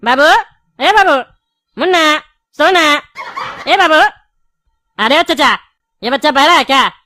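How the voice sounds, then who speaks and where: Woman doing a bald cartoon candy seller, loud and indignant, high bright tone. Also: animated, fairly quick. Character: bald male jelly candy seller, quick to argue.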